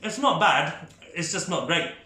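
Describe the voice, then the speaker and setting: Hosting a food tasting in an echoey room, a man with a fairly high, bright, forceful voice chats enthusiastically and animatedly at a measured pace. As a food reviewer, he talks while chewing and rates each bite in casual commentary.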